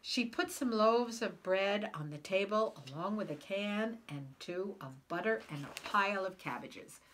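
A woman reading a picture book aloud at a children's storytime. She reads slowly and clearly, giving each phrase room. Her voice moves lively up and down through the narration. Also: mid-range voice.

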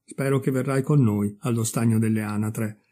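A man voicing a chatty, boastful female frog in a storybook reading, talking on cheerfully without a pause. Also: fairly low pitch, fairly even intonation, mellow, lightly acted. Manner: talkative, cheerful, self-satisfied.

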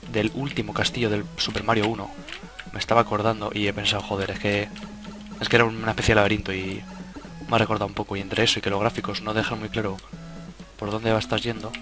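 A young man with a Spain Spanish accent talks through a platform game in a fairly low voice. He swears casually and keeps breaking off his own sentences. Game music plays loudly behind him. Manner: casual, swearing, self-interrupting. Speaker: gaming YouTuber. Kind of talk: let's play commentary.

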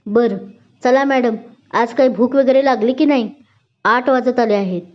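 A woman voicing Akanksha, a gentle and sincere young college woman in a spoken story. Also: a little high, normal speed, close to an everyday voice. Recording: dull lo-fi recording.

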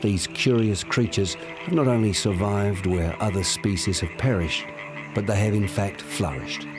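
A man reading scripted nature documentary narration in a measured, storytelling manner. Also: lowish voice, music in the background.

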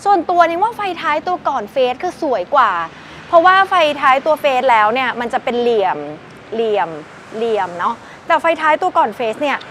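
A woman's voice: high voice, animated, a little fast, fairly bright tone, slight background noise. A young woman giving a chatty, gushing walkaround review of a car and talking straight to the viewers. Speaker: used car sales presenter.

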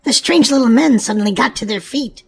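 On the high side and a little fast, this woman's voice brings a storybook to life for young children. She hosts a children's show, and her read-aloud narration is animated and full of exclamation.

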